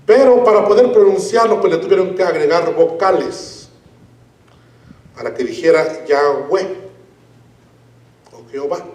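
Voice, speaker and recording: A man preaching a sermon in a church, teaching slowly and deliberately and leaning hard on key words. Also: high-pitched, a little mellow. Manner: slow, deliberate Bible teaching with emphatic stresses. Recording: echoey room, mic at a distance.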